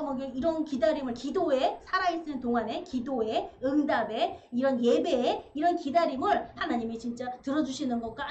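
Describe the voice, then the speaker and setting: A woman preaching a sermon in a church, animated and acting out the voices she quotes. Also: high-pitched. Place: church sanctuary. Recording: roomy, slightly dull livestream with faint hiss.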